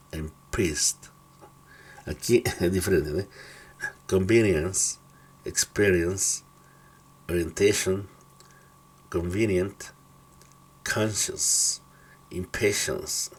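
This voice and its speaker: A man's voice: deep voice, slightly rough. A man teaching English pronunciation, patiently explaining rules and reading out word lists, checking in often with short questions.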